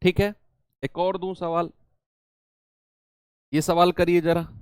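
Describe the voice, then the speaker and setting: A man's voice: sits high, flat delivery, takes it slowly, smooth, dry recording, studio quality. A man teaching a math lesson, explaining problems step by step and asking his students questions as he goes.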